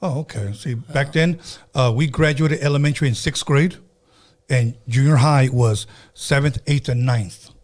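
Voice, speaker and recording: With a mid-range, darkish voice at a moderate pace, a Chicano Californian radio podcast host in his fifties conducts a casual interview. He's a native Spanish speaker from California, United States, and his talk is blunt and slangy, sprinkled with Spanish.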